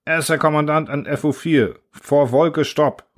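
A man's voice: a little high, a little slow, pitched above the performer's own voice, lightly acted. A man reading a storybook voicing a male expedition commander giving curt orders. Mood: commanding.

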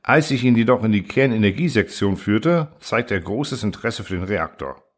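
A man reading a first-person science fiction story aloud in a calm, even storytelling manner. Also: lowish voice, moderate pace. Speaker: audiobook narrator.

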